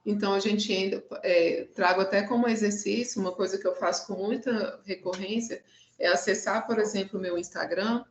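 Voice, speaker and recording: A woman psychologist with a Brazilian accent giving a measured live talk with advice and a story, pausing often. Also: medium pitch. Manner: measured, gentle, with frequent pauses and fillers. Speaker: clinical psychologist. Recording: echoey room.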